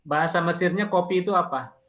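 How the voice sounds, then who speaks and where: A man with an Indonesian accent teaching an online language class informally, patiently asking questions and pausing often. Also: high-pitched, a bit bright, muffled recording.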